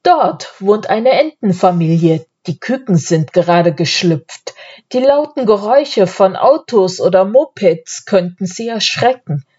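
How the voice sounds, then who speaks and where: Genial male castle lord voiced by the female narrator: hearty, welcoming, a bit higher than her narration. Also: lively intonation, unhurried, mellow, breathy edge, dull audio.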